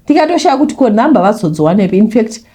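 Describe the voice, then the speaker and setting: Rapid-fire and very animated, a woman with a warm, fairly high voice and a Zimbabwean accent delivers a listener's first-person confession on her YouTube channel. She keeps it conversational, slipping in English phrases.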